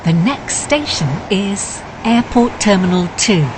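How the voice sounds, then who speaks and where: Slow steady lady doing the automated train announcement, train rumbling loud underneath. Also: noisy background. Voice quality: calm, measured announcer delivery.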